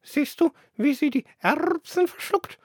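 A man's voice: extremely high pitch, expressive, measured pace, pitched above the performer's own voice. A man voicing a catty, gossiping pigeon with a cooing, gossipy manner.

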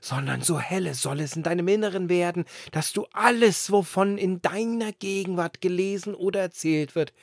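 A man voicing a blustering wind spirit in a storybook reading, speaking loud and drawn out, in a very dry recording. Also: high-pitched, normal speed, creaky, hardly any pauses, no echo, pitched above the performer's own voice. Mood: booming.

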